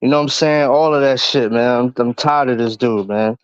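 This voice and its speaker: A man's voice: medium pitch, brisk, clean tone, dry recording. A man calling in over a phone line for a casual chat, brash and slangy, laughing often. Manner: brash, slangy trash talk with frequent laughter. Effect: heard over a phone call. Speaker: caller on a livestream. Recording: dull, lo-fi phone audio.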